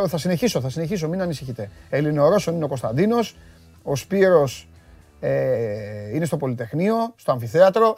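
A man hosting a live stream, greeting viewers and reading their comments in a playful, teasing way with sudden loud bursts. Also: on the high side, dry recording. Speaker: host.

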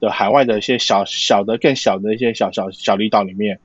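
A man from Matsu with a Taiwanese Mandarin accent, explaining things casually in a halting way with repeated words. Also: on the low side, fairly even intonation, husky, dry recording. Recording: dull lo-fi sound, dry.

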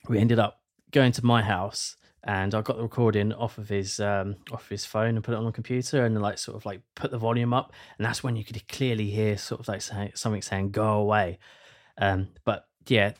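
A man's voice: on the low side, steady tone, brisk. A man telling a ghost story casually, rambling with fillers and restarts.

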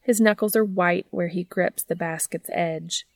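A woman narrating a romantic story in a steady, even-toned reading. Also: fairly low pitch, measured pace, vocal fry, no echo. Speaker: audiobook narrator.

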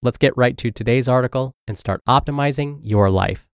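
Casting note: congested male host, even narrated read of an article, dry booth sound, middle pitch. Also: a little fast, no echo. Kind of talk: reading blog articles aloud.

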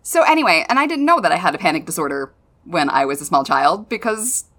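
A woman's voice: on the low side, sing-song, fast talker, fairly bright tone. A woman co-hosting a podcast, chatting and telling stories casually in a silly, self-mocking way. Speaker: podcast co-host.

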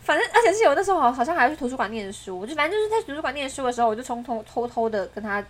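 A woman podcast co-host, telling a story in casual chat with dramatic, animated delivery. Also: sits high, very fast.

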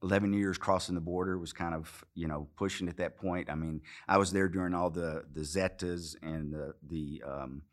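A man's voice: low voice, fairly even intonation, normal speed, hardly any pauses. A man in his fifties with a Southern Arkansas accent, talking about his life as a guest in a conversational interview. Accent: Arkansas Southern American. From Arkansas, USA. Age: 50s. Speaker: interview guest, military veteran.

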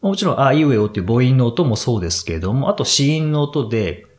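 A man's voice: mid-range voice, fast talker. A man hosting a language-learning podcast, chatting casually and explaining with examples. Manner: lively. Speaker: podcast host and English teacher. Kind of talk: casual chat.

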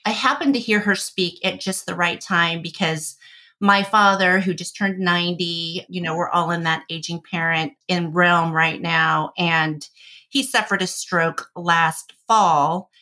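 A middle-aged woman from Indonesia, a podcast guest talking in an animated, chatty way and laughing easily. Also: fairly low pitch, a little slow. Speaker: podcast guest, architecture firm executive. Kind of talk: conversational interview.

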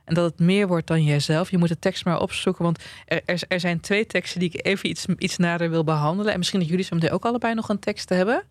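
Outspoken man with a high voice. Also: steady tone, quick pace, hardly any pauses, no echo. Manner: outspoken and playful, reads lyrics aloud. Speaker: podcast co-host. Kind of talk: casual chat.

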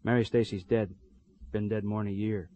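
An actor playing a cheerful, talkative middle-aged police partner with a joking manner in a 1950s radio drama. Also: male voice, fairly low pitch, level tone, moderate pace, dark tone, a little hiss or hum, natural voice. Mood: chatty.

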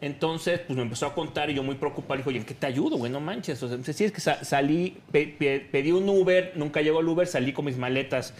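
A man's voice: on the high side, fast, hardly any pauses. A Mexican man, a talk show guest, telling a story with slang and acting out the lines of the people in it. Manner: acts out quoted dialogue, slangy and joking.

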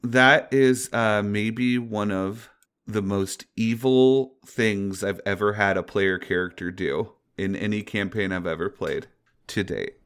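A man's voice: on the low side, takes it slowly, a bit bright, clear, resonant tone. A man who works as a game master, chatting casually on a podcast. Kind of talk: casual chat.

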